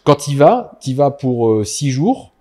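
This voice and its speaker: A man, a dentist, telling his story as a guest in a casual interview, lively and anecdotal, often turning to his listener. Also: medium pitch, a little slow.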